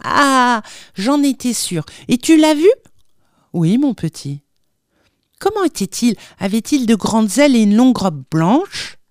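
A woman voicing an eager little boy, asking questions in a high, excited way. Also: unhurried, no echo, studio quality.

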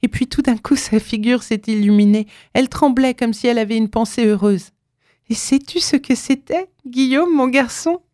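A woman's voice: fairly high pitch, steady tone, brisk, few pauses, warm tone, no echo, clean studio sound, pitched above the performer's own voice, lightly acted. A woman voicing a tender old mother who pleads fervently with her son in a read-aloud story. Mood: pleading. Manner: fervent, imploring.

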